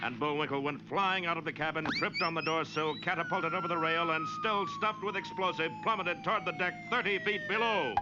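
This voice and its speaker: A man's voice: on the high side, fairly quick, few pauses, loud music behind the voice. A man narrating a cartoon in a dramatic, mock-serious way. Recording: dull hissy vintage cartoon soundtrack.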